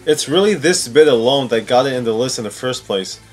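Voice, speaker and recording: Speaking a little fast with lively intonation and a medium pitch, a man jokes his way through a countdown of video game scenes. His tone is sarcastic and casual, often incredulous, with plenty of swearing, and there's music in the background.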